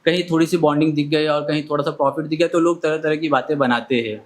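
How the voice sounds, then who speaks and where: A man hosting the interview, asking long, rambling questions in a relaxed, casual way. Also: fairly high pitch, fast. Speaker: interviewer host.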